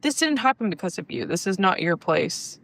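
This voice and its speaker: A woman's voice: fairly low pitch, sing-song, brisk, vocal fry, fairly bright tone, no room sound. A woman in her twenties co-hosting a podcast, chatting casually and thinking aloud hesitantly. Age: 20s. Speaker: podcast co-host. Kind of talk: casual chat.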